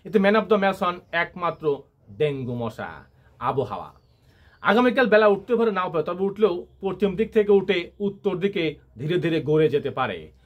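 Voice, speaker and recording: A man's voice: high voice, very animated, moderate pace, highs cut off, faint music behind. A man playing a parody news anchor, reading absurd bulletins with mock seriousness. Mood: mock-serious.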